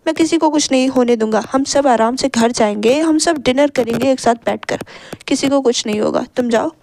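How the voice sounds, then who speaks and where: A woman's voice: a little fast, vocal fry, darkish tone, no echo. A woman voicing a frightened father at the wheel, stammering and frantic as he speaks. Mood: forcing calm. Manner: stammering, frantic, rising pitch. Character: panicking father driving a runaway car.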